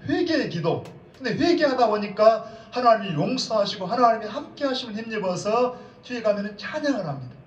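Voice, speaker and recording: A man's voice: high voice, slight background noise. A male senior pastor preaching a sermon and putting questions to the congregation, who answers him. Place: church sanctuary. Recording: distant echoey church sound, slightly dull.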